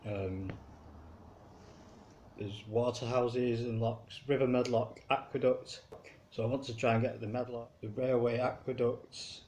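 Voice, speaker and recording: A man's voice: medium pitch, level tone, measured pace, darkish tone, slight background noise, poor audio. A man, giving rambling, casual commentary as he walks along a city canal. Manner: rambling, chuckling asides. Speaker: canal walk video maker.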